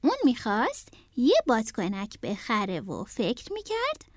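A woman's voice: high-pitched, sing-song, dry recording, studio quality. A young woman reading a picture book aloud to children, speaking to them directly in a sing-song way. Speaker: children's storyteller.

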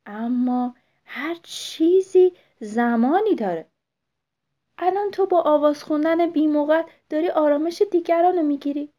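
A woman voicing a patient mother owl in a children's story, coaxing and gently scolding. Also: high voice, voice pushed up, natural voice.

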